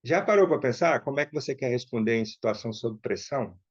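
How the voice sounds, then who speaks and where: A man teaching an online workshop in a casual, conversational way, often checking in with quick tag questions. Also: medium pitch, lively intonation, breathy edge, no room sound. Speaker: workshop instructor. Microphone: online call mic. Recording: dull, dry lo-fi sound.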